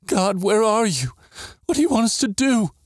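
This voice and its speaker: A man's voice: medium pitch, big pitch swings, normal speed, darkish tone, no room sound, clean studio sound, voice pushed up. A man voicing a determined young woman who speaks urgently in a raised, earnest voice.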